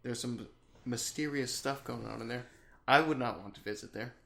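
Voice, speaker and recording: A man's voice: medium pitch, moderate pace, creaky, a bit bright. A young man in casual chat, rambling in a laid-back way about creepy places. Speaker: co-host.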